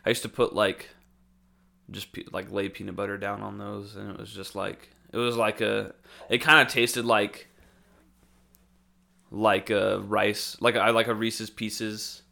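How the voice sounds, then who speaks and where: A man's voice: on the low side, little pitch movement, unhurried, creaky, pushed and bright. A young man hosting a casual chat, rambling with lots of fillers and restarts and laughing often. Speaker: host.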